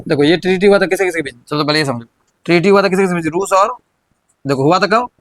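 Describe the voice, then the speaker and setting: This is a young male teacher with a Bihari Hindi accent and a high voice, running a history class. He keeps asking questions, answering them himself and restarting mid-word. The sound is dry and close. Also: fast, no room sound. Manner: repeats questions, prompts students, stumbles and restarts.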